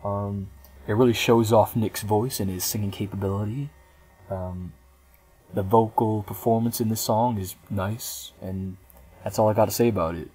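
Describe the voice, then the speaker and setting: A man's voice: fairly low pitch, steady tone, normal speed, mellow, breathy edge. A young man in his twenties giving a casual, rambling album review, hesitating often with frequent ums and small restarts. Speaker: music reviewer.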